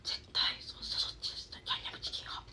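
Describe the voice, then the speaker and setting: A young woman whispering quietly in a late-night ASMR chat, recorded at a tabletop microphone. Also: fast. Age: young adult. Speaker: mukbang video co-host. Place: small dark room indoors. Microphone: small ASMR recorder on the table.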